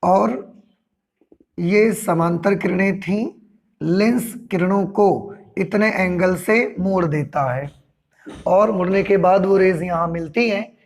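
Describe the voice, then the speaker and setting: A man teaching a physics class, explaining slowly and repeating key points step by step. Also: high voice, a little mellow. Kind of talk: classroom lecture.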